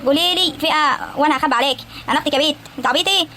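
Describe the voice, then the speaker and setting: Woman doing a high, rapid-fire Egyptian cartoon big sister, bossy and nosy, faint background hum. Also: sharp tone. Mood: prying. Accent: Egyptian Arabic. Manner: teasing, prying, advising. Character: bossy caring young wife and older sister. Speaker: voice actor in animated comedy. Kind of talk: animated cartoon acting.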